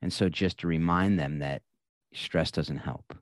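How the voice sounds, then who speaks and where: A man with a deep voice talks through a casual podcast chat as co-host. He speaks in an earnest, coaching tone. The sound is dry and close, with no room around it. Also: unhurried, no room sound.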